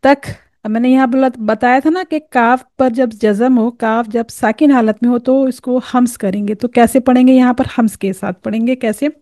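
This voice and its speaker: A woman teaching tajweed, patiently explaining and slowly drilling each letter sound. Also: on the high side, steady tone, warm tone, no echo, clean studio sound. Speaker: Quran recitation teacher. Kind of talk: tajweed lesson.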